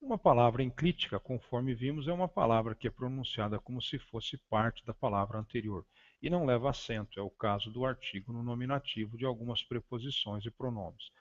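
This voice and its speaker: A man at an ordinary mid pitch teaches a grammar class, working slowly and deliberately through each point. He hesitates often and restarts words as he reads from his slides. The recording sounds dull and lo-fi. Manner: slow, deliberate, spelling out words with frequent hesitations. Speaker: Greek teacher. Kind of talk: grammar lesson reading from slides.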